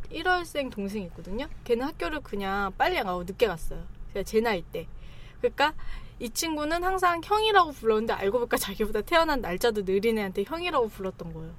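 A woman in her thirties telling stories on a casual talk show panel, animated and trailing into fillers. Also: on the high side, a little hiss or hum. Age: 30s.

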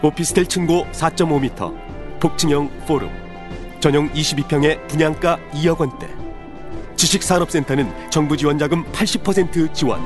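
A male announcer delivers a scripted infomercial sales pitch in a fairly high voice. He punches through facts and figures one after another, with music clearly playing underneath. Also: brisk. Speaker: advertisement announcer.

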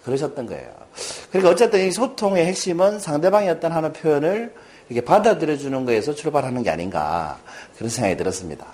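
On the high side and fast-talking, he addresses an audience with a storytelling lecture, animatedly voicing the characters he quotes.

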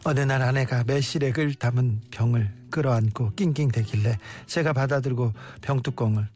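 A man's voice: mid-range voice, normal speed, soft background music. A man hosting a radio show, reading listener messages aloud and cheering people on in a chatty way. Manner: warm, chatty, reacts to listener stories with encouragement.

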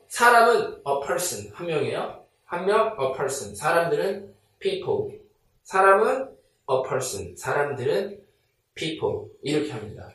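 A man teaching a beginner English lesson, patiently drilling words and repeating them slowly. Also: a little high. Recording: echoey room, distant mic.

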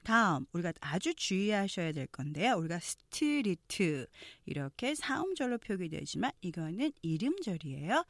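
A Korean woman teaching English pronunciation, explaining phrases and modelling them slowly. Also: on the low side, sing-song, dry recording, studio quality. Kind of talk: language lesson narration.

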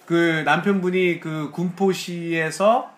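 A man's voice: fairly high pitch, fairly even intonation, takes it slowly, a bit bright. A man teaching English to a student, drilling phrases and praising her readily. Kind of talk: live English lesson with a student.

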